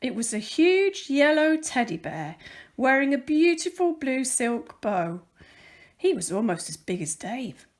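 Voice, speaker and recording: A woman reads a children's picture book in a high voice, unhurried, as a volunteer storyteller. Her reading is careful and expressive, stressing the words.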